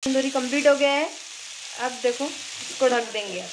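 A woman with a high voice hosts a casual cooking video from her home kitchen. She talks the viewer through each ingredient in a chatty, step-by-step way, recorded on a phone with faint frying noise behind her. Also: moderate pace. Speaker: cooking channel host.

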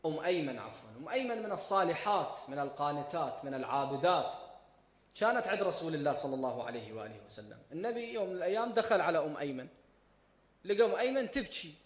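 A man with an Iraqi Arabic accent preaching a mourning sermon, impassioned and swinging between hushed and loud delivery. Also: a little high, expressive, very fast. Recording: echoey hall reverb.

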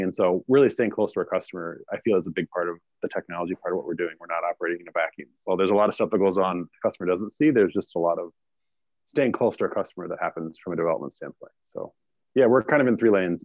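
A man's voice: low-pitched, fast talker, a little mellow, no echo, muffled recording. A man in his forties, a startup cofounder, talking casually with many fillers in a video call interview from a small office.

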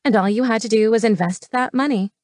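A woman voicing a spiteful young villain's daughter, pitched high and shrill. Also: a little fast, darkish tone, no echo, clean studio sound, natural voice. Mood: sneering. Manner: shrill, screaming. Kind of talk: audiobook character voice.

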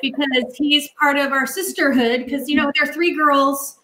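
A middle-aged woman, the guest cook, chats casually on a video call while cooking in her home kitchen, rambling with lots of ums. Her high voice is pushed and bright with little pitch movement at normal speed. The laptop webcam gives a roomy, rough recording.

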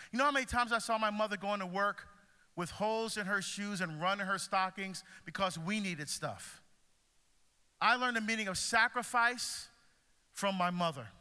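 A middle-aged man from Barbados, a deacon, preaching with animated, emphatic energy to a school audience. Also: high-pitched. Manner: animated, emphatic, moves around the stage. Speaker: deacon speaker. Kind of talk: passionate preaching talk. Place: large school pavilion, indoors. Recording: long hall reverb.

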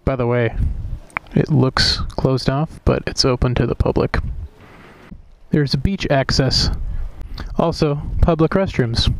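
A man's voice: mid-range voice, a little slow. A young man rambling casually in a joking, slangy motovlog style, recorded outdoors on an action camera or helmet mic. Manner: informal, joking, mildly profane, slangy. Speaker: motorcycle vlogger. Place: outdoors, riding a motorcycle and walking. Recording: noisy outdoor recording with wind and traffic.

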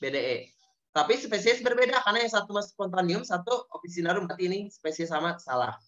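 This Indonesian male teacher has a high-sitting, animated voice with a fairly bright tone and quick pace. During an online science lesson he drills key terms repeatedly and keeps questioning students, on audio that's dull and lo-fi like a video call.

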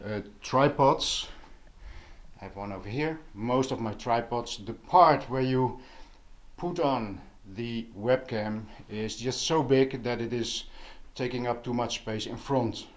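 Recorded indoors in a carpeted living room with a couch, a male audio vlogger hosts in a medium-pitched voice at a slow pace. His casual talk over handheld footage is musing and explanatory.

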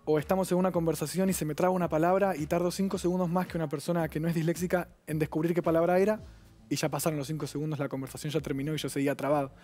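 A man's voice: fairly high pitch, little pitch movement, darkish tone, soft background music. A man in his twenties with a Rioplatense Spanish accent, earnestly telling his own story as a guest on a TV talk show. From Argentina. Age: 20s. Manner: earnest, rapid, reflective. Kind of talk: personal account on a TV talk show.

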